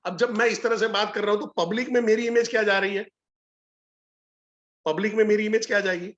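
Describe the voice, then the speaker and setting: A man's voice: high-pitched, brisk, lo-fi sound. A middle-aged man running a live online sales training, telling stories and acting out both sides of the dialogue. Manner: animated storytelling, acts out both sides of dialogues.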